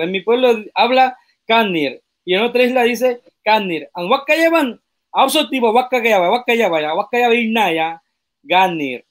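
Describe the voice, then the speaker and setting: A man reading questions aloud in a class and giving word examples. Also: high-pitched.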